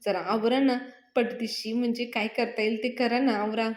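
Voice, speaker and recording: A woman's voice: a little high, steady tone, moderate pace, lightly acted. A woman takes on a tense elder brother who frets over everything. He speaks in an urging, worried way. The room around him is echoey. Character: anxious young man, the elder brother. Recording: roomy echo.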